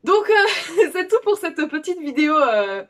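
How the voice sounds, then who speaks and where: A woman's voice: very high-pitched, big pitch swings, a little slow, fairly bright tone. Chatty woman rambling about books. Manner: rambling, many fillers and restarts; chatty, self-correcting. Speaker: book vlogger. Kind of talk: casual unboxing chat.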